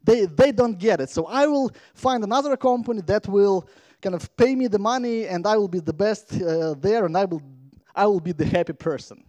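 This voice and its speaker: Guy doing an eager young dev, earnest and pushy, highish voice. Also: moderate pace, a little mellow, natural voice. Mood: pleading. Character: eager young male developer pleading his worth.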